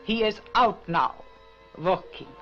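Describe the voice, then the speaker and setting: A stiff, guarded wife, curt formal delivery, muffled 1960s sound. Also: female voice, mid-range voice, slow, fairly bright tone, soft background music. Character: cold, guarded wife of a mysterious man. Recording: dull 1960s film soundtrack.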